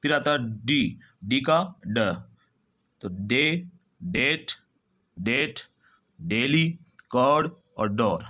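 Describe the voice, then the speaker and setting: A man teaching a phonetics lesson, reading out example words slowly and with drawn-out care. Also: mid-range voice, expressive, bright, forceful tone, dull audio. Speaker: English teacher.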